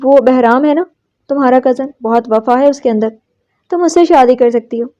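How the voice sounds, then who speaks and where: A woman's voice: sits high, dark tone, close to an everyday voice. Abbas, a weary resigned young man, read by a woman. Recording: slightly dull lo-fi recording.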